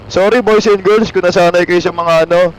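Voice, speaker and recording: A young Filipino man with a light, high voice, chatting and joking with his viewers while he plays a game. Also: fairly even intonation, brisk, slight background noise. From Philippines. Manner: joking, self-mocking banter with chat. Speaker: game streamer. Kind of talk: casual live-stream chat while playing.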